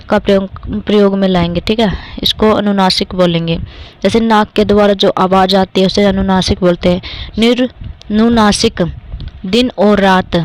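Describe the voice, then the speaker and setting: A woman's voice: medium pitch, low-quality recording. A young woman from India with a Haryanvi-tinged Hindi accent, teaching an exam-prep grammar lesson step by step and often checking in with "theek hai". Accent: Haryanvi-influenced Hindi. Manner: occasionally clears throat.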